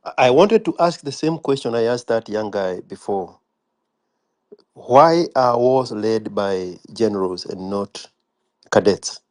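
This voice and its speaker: A man's voice: fairly low pitch, measured pace. A man with a Kenyan accent debating casually in a challenging, sarcastic manner, repeating himself for emphasis.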